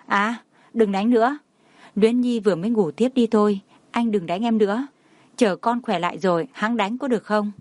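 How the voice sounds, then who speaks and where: A woman voicing a gentle, long-suffering middle-aged stepmother in a storybook reading, soft and soothing. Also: medium pitch, moderate pace, no echo, lightly acted.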